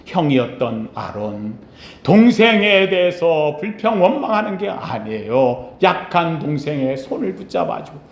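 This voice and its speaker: A male pastor preaching a sermon, swinging between loud exclamations and low murmurs and asking the congregation questions. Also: sing-song, a little slow. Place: church sanctuary. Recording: echoey church sanctuary.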